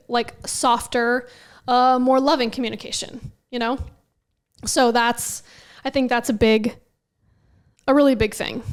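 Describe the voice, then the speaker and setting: A young woman co-hosting a podcast, talking earnestly in casual chat with frequent restarts. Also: fairly high pitch. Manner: earnest, many restarts and fillers. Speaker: podcast co-host.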